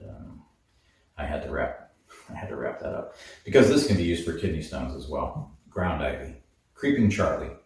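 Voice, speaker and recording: A man with a very low voice gives a slow, deliberate herbal lesson. He sounds distant from the microphone. A heavy echo fills the recording. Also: darkish tone. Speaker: herbalist host. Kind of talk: instructional talk on herbs. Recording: very echoey, from far off the mic.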